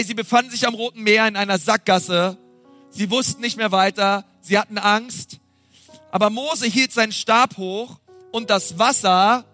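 A middle-aged man preaching a sermon as pastor, energetic and exclamatory, constantly addressing his listeners directly. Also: sits high.

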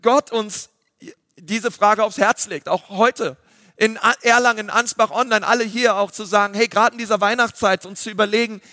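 A man, a pastor giving a lively sermon full of fillers. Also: high voice, normal speed, no room sound, clean studio sound, in a large hall. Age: 30s. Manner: lively preaching with filler words.

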